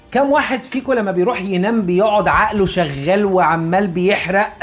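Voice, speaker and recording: An Egyptian man in his thirties talks straight to his audience at a brisk clip. He is an English teacher who repeats his key points for emphasis. Quiet music plays underneath his voice. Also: high voice. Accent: Egyptian Arabic. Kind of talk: casual motivational talk to camera.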